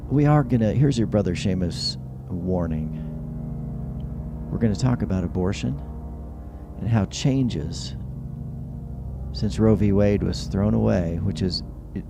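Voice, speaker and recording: Male late-night stream host, gravelly, loose and conversational, whistling s, music underneath. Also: low-pitched. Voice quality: whistling s sounds. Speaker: host of a live-streamed call-in show. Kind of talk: casual late-night monologue. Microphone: close handheld or stand microphone. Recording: music behind the voice. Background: background music.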